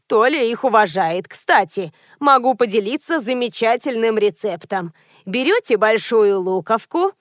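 A chatty know-it-all grandmother in a storybook reading, as a woman narrator puts her on. The voice sits high and lively, and it is recorded dry and close. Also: a little slow, dry recording. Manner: lively and talkative.

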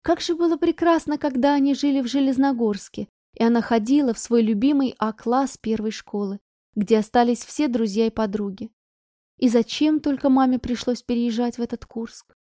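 Woman audiobook narrator, steady and even, high-ish warm voice, dry booth sound. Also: moderate pace, no echo.

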